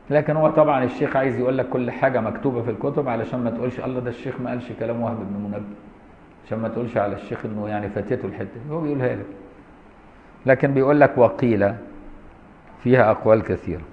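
A man with an Egyptian accent teaching Islamic law to a class, reading a text and adding colloquial, mocking asides. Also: mid-range voice. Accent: Egyptian Arabic. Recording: roomy lo-fi lecture hall recording.

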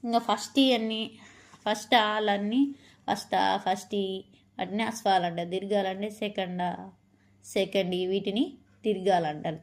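A woman teaching a lesson for exam preparation, slowly repeating and drawing out each letter of the alphabet. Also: mid-range voice, steady tone.

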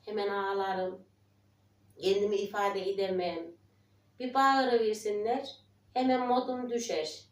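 A woman's voice: medium pitch, fairly even intonation, unhurried, pauses often, echoey room, distant mic. A woman in her forties, talking emotionally to her viewers in a trembling, prayerful voice. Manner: emotional, tearful, prayerful, quoting others. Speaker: village life vlogger. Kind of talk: emotional casual chat to viewers.

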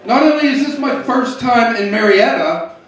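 A man from the Pittsburgh area doing a stand-up comedy set in a hotel comedy club, delivering deadpan punchlines with quick asides. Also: very high-pitched, a little hiss or hum. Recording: echoey club heard from far off.

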